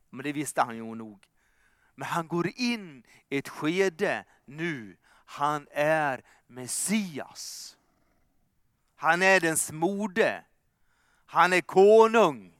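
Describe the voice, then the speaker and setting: Fervent preacher guy, high clear voice, loud calls then hushed bits, dry sound. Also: no echo. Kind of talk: sermon.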